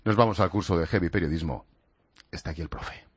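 A man presents a radio show with a very low, husky voice, speaking straight to the listener in an easy, conversational way. The studio sound is dry and close. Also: fast talker, dry recording. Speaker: radio host.

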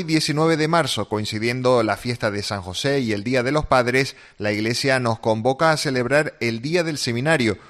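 A man's voice: medium pitch, a bit bright. Formal Canarian radio newsreader man. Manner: measured, formal delivery. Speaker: radio presenter. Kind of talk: scripted radio news reading.

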